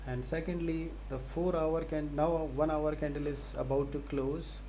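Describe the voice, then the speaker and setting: A man's voice: on the high side, steady tone, normal speed, warm tone, slight background noise. A man giving live market commentary, talking to viewers and often repeating himself. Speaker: live stream host and trading analyst.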